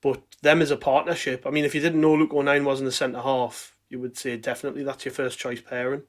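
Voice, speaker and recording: A man's voice: mid-range voice, level tone, fast. A man hosting a football fan podcast in a casual, conversational way. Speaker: podcast host.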